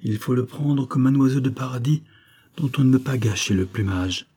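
A man's voice: mid-range voice, moderate pace, warm tone, breathy edge, pitched above the performer's own voice, lightly acted. A man voicing a wise old poacher who gives solemn advice in an audiobook reading. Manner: solemn, admonishing.

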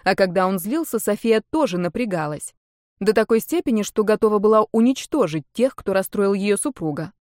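A woman reading a novel aloud as an audiobook narrator, in an even, measured way. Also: medium pitch, dry recording, studio quality. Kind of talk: scripted narration.

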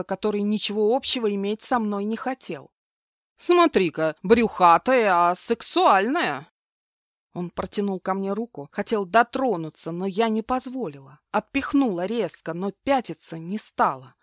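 A woman's voice: medium pitch, no room sound. A woman narrating a first-person audiobook in a tense, dramatic reading, recorded close to the microphone.

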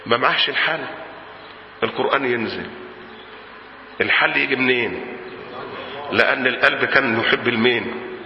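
A man with an Egyptian Arabic accent preaching a sermon, asking the crowd questions and swinging from low murmurs to shouts. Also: normal speed, gravelly, pauses often. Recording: echoey hall, dull lo-fi sound.

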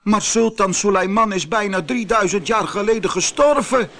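A man's voice: on the low side, big pitch swings, unhurried, a little hiss or hum, pitched below the performer's own voice. A man voicing a poor, frightened male fisherman who begs for his life. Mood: pleading. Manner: pleading, begging.

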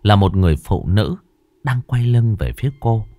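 Low-voiced man narrating a story. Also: lively intonation, normal speed, dark tone, no room sound. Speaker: audiobook narrator.

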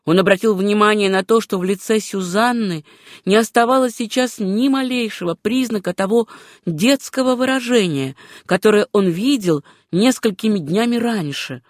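A woman reads a novel aloud at an even, unhurried pace, her voice sitting in a middle register. The recording is dry and close, with no room sound at all, as in a studio audiobook. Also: medium pitch, no echo. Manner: measured, unhurried reading. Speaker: audiobook narrator. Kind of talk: scripted narration of a novel.

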